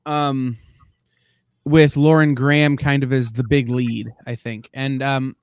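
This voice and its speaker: A man's voice: mid-range voice, level tone, slow pace, clear, resonant tone, no room sound. A man hosting a casual chat show, making dry, self-deprecating jokes. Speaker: podcast host.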